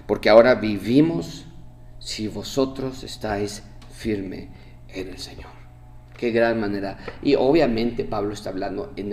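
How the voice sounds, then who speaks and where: A middle-aged man preaching as a pastor, shifting between loud emphatic points and soft, quiet reflection. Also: lowish voice, a little hiss or hum. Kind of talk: sermon.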